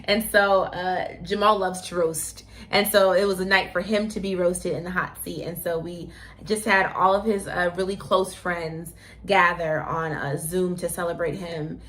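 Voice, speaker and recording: A woman's voice: fairly low pitch, steady tone, moderate pace, fairly bright tone. Effusive chatty woman co-hosting a show. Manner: chatty and effusive, addresses viewers as y'all. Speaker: co-host. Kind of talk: casual chat show.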